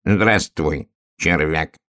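A man voicing a sly female swamp toad with a croaking, drawling manner. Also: a bass voice, extremely slow, pushed and bright, dry recording, studio quality, full character voice.

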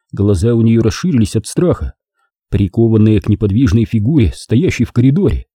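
A man's voice: on the low side, breathy edge, no echo, studio quality. A man reading a detective novel aloud in the first person, telling it expressively. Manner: expressive storytelling. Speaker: audiobook reader.

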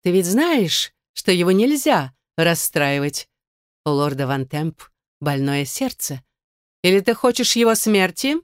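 A woman's voice: fairly low pitch, moderate pace, hardly any pauses, smooth, no echo, clean studio sound, lightly acted. A woman voicing a cold, stern noblewoman stepmother who scolds harshly. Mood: contemptuous. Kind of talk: audiobook role reading.

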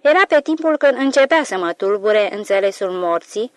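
A woman narrating an audiobook of a literary novel in a calm, measured storytelling voice. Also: mid-range voice, no room sound.

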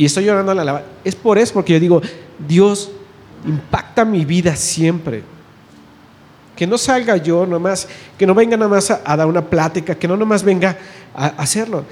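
A man giving an informal sermon, chatting with the audience, asking questions and answering them himself, and reading scripture slowly and emphatically. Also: sits high, a little mellow. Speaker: lay preacher. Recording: faint noise, long reverb in a hall.

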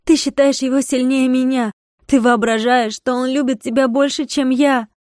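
A wild, passionate young village girl, as a woman reading the story puts her on, pitched up and louder than the narration, her plea urgent and stubborn. Her tone stays mellow and soft-edged, and the sound is close and dry. It is storybook reading with real feeling in it. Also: steady tone, moderate pace, no room sound, natural voice. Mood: mocking. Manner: pleading, impassioned.

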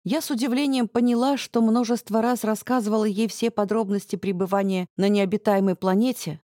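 A woman reading a first-person story aloud in a steady, measured way. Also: mid-range voice, no room sound, studio quality. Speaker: audiobook narrator. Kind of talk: scripted first-person narration.

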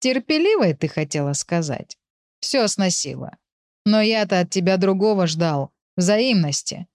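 A woman's voice: on the low side, lively intonation, a little slow, a little mellow. A woman voicing a cruel, mocking husband who sneers and taunts his wife in an audiobook. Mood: taunting.

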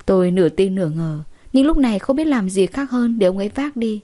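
Young woman reading a dramatic first person story, mellow dark voice. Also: medium pitch, lively intonation, fairly quick.

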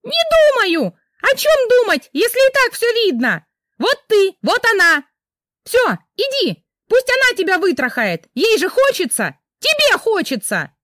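A woman reads out a furious young wife, shrieking her accusations at a very high, piercing pitch. The voice leaps wildly up and down as she shouts, sharp and loud. It is recorded dry and close, as in an audiobook. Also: wildly swooping pitch, measured pace, no room sound, full character voice. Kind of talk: audiobook character voice.

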